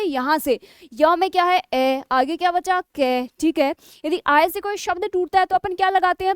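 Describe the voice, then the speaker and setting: High-voiced woman teaching grammar. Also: dry recording, studio quality. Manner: asks the class questions and answers them herself. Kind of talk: exam-prep grammar lesson.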